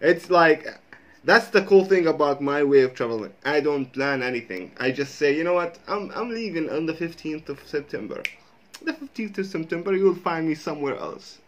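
A reaction vlogger in his thirties, a native Arabic speaker with an Arabic accent, chats loosely, rambling and swearing casually. His voice is on the high side with lively intonation and a moderate pace, recorded on a wired earphone mic in a small indoor room with a sheet hung behind him.

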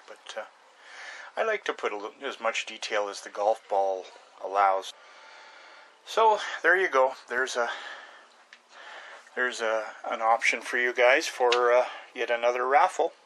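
An older man rambling casually, with many pauses and restarts, into a webcam at close range in a small room at home. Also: mid-range voice, lively intonation, sharp tone, slight background noise. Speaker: hobby carver and channel host. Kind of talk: casual home video show-and-tell. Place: small room at home with shelves of model trucks. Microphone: webcam close to the face.

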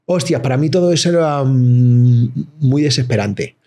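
A man, a rapper guest telling stories in slangy, animated casual chat. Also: medium pitch, normal speed. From Madrid, Spain. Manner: slangy, animated storytelling with acted-out voices.

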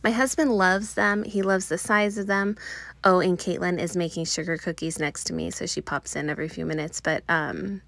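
A woman's voice: on the low side, fairly even intonation, normal speed, creaky, fairly bright tone, no echo. A woman in her thirties talks through her baking in a home kitchen, picked up by a phone camera on the counter. She rambles in a chatty way, trails off with fillers and slips in little laughs. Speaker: home cooking vlogger. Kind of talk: casual chatty baking tutorial.

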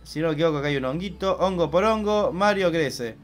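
Young Argentine gaming host, high-pitched, chatty, excitable, swears loudly at the game. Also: male voice, fast talker. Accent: Argentine Spanish. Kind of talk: casual let's-play commentary.

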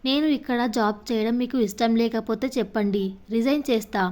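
A woman's voice: fairly high pitch, a little fast, darkish tone, close to an everyday voice. Woman reading as a firm young office worker. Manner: firm, frank speech. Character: young working woman, tired of being pushed around.

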